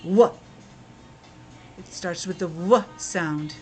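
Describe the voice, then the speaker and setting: A preschool teacher with a lowish voice takes her time, leading young children through an interactive lesson with faint music in the background. Her manner is playful and exclamatory as she asks questions and sounds out words.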